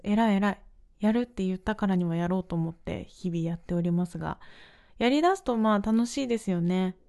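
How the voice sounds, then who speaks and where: A woman's voice: medium pitch, darkish tone. A woman hosting a casual solo radio talk, rambling and poking fun at herself. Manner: rambling, self-mocking, chatty. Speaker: host.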